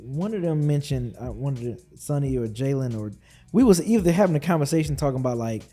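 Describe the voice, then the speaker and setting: A man's voice: mid-range voice, animated, fast talker, dark tone, soft background music. A man co-hosting a casual podcast, rambling and circling back on his thoughts. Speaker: podcast co-host. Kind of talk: casual roundtable discussion.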